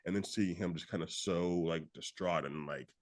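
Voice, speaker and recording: A man's voice: sits low, moderate pace. A young man co-hosting a podcast, retelling a film scene in a rambling casual way, leaning on "like" constantly. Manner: rambling, heavy use of "like", animated retelling. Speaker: podcast co-host.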